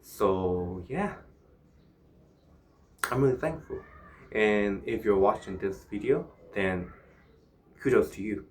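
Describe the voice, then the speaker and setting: A man from Myanmar speaks in a somewhat low-pitched voice. He talks casually, as in a solo vlog, musing and pausing as he searches for words. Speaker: vlogger.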